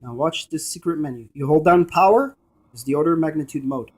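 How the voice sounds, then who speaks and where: Brisk and on the high side, a man demonstrates a gadget hands-on in a casual, emphatic, repetitive way. Device static and radio scanning static fill the noisy room.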